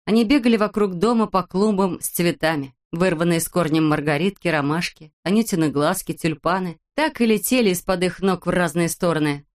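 A woman reading a children's storybook aloud as an audiobook narrator, in a steady, even manner. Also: lowish voice, a little fast, few pauses.

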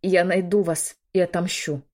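A woman's voice: medium pitch, fairly even intonation, moderate pace, warm tone, close to an everyday voice. A woman voicing a young noblewoman in labor who has been poisoned, crying out in pain and anger. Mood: pained, furious.

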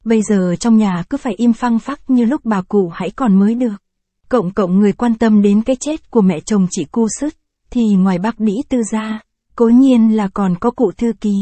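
A woman narrates a short story in a measured, even reading. Her voice is mellow and dark. The recording is dry and close to the mic. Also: medium pitch, no room sound. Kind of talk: scripted narration.

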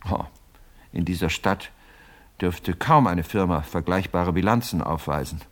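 Here a male actor plays a stingy, self-important older widower in a radio drama, sounding fussily indignant and self-justifying. His husky voice is low-pitched and unhurried.

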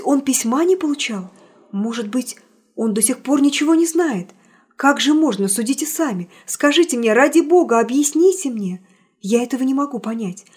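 A woman's voice: sits high, darkish tone, slightly rough. A woman voicing a young girl in an audiobook, heartbroken and pleading in a tearful, emotional way. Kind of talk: audiobook character reading.

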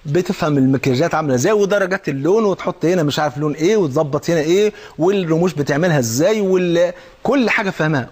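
A man with an Egyptian accent giving a colloquial sermon on marriage, lively and acting out little exchanges between husband and wife. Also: fairly high pitch, slightly rough. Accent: Egyptian Arabic. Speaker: preacher.

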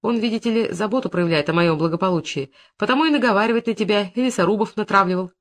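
A woman's voice: mid-range voice, quick pace, lightly acted. A reader voicing Dasha, a young village woman, anxious and loving, who pleads and frets. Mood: scornful. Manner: pleading, tearful, then frightened.

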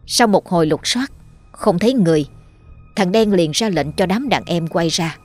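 A woman narrating a dark ghost story dramatically, voicing all the characters herself. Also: lowish voice, animated, moderate pace, no room sound, soft background music.

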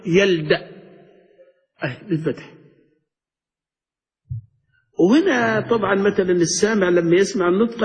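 A high-voiced man teaches grammar as a sheikh, checking his students with frequent questions. He stretches out each example as he recites it. His voice rings in a hall with a long echo. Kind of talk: classroom lesson explaining a text.

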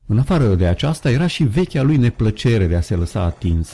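A man narrating an audiobook in a measured, dramatic way, with sound effects. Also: on the low side, very animated, mellow, breathy edge.

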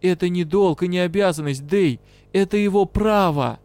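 A man voicing a brash male dark elf partner in an audiobook, gruff, teasing and bluntly scolding. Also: a little high, lively intonation, unhurried, no room sound. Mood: firm. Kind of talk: audiobook character voice.

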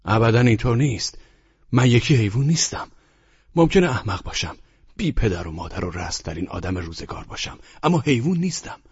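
A fraught, bitter husband ranting in climbing outbursts, his voice pushed high and strained, as a male audiobook reader puts him on. The tone is husky and breathy, captured in a dull, dry lo-fi recording. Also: sing-song, darkish tone. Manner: bitter, exasperated, rising outbursts. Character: agitated middle-aged man ranting about his wife.

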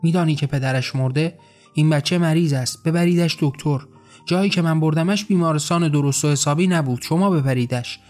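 A man's voice: fairly high pitch, darkish tone, soft background music, natural voice. A man reading the part of a protective old woman in an audiobook story, speaking firmly and reproachfully. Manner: firm, reproachful. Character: kind, protective old woman, firm when angered.

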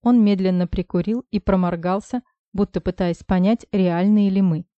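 A woman narrating a first-person story in an even, steady storytelling voice, in a dry, slightly dull recording. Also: mid-range voice, normal speed, no room sound. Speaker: audiobook narrator.

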